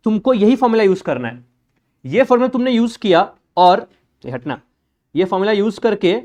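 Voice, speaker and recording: A man giving a classroom lecture, talking bluntly and informally, teasing his students as he works through steps. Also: high voice. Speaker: accounting lecturer.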